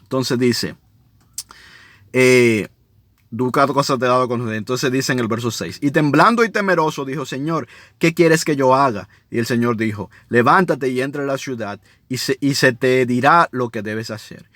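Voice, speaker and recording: A man's voice: medium pitch, moderate pace, fairly bright tone, no echo. Male Bible teacher, mid-range voice, reads scripture and explains it conversationally, prompts listeners often; dry close recording. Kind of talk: Bible study teaching, reading scripture with commentary.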